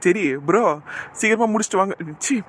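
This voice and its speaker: A man's voice: high voice, steady tone, fairly quick, a bit bright, voice pushed up. A man doing a cheeky mocking young brother. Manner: mocking, impatient, blunt. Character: cheeky teasing young man, rude to his sister.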